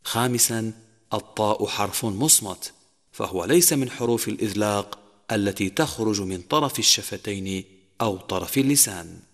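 A man giving a scripted tajweed lesson, listing points in order and drawing out sung example words. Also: on the low side. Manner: measured, numbered points, slowed sung examples. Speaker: Quran recitation teacher. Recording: long reverb, echoey.

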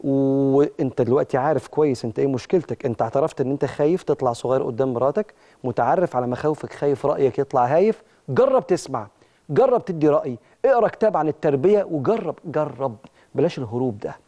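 An Egyptian man hosts a religious motivational broadcast and rattles through his points at high speed. His voice is dark and mellow, and he preaches with emphasis, turning often to his audience. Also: animated, fast talker. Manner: preachy, emphatic, addresses listeners directly. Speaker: talk show host. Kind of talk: religious motivational talk on air.

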